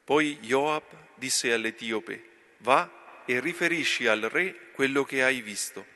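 Slow, bright-voiced male scripture reader. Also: mid-range voice. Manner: slow, deliberate reading. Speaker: lector. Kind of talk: scripture reading.

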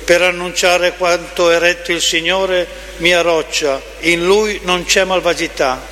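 High, bright male lector in church. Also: steady tone, a little slow. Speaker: lector reading scripture at Mass. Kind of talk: formal scripture reading. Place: large church interior. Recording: reverberant church hall, faint noise.

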